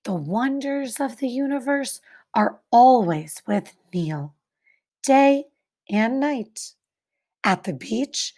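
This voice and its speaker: With a husky voice that sits high, a woman reads a picture book to children in a teacherly style, using deliberate, expressive delivery and dramatic pauses.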